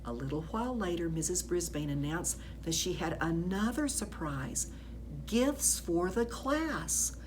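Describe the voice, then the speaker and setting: A woman with a low voice reads a children's book aloud, narrating expressively with animated delivery and drawing out key words. There is background noise.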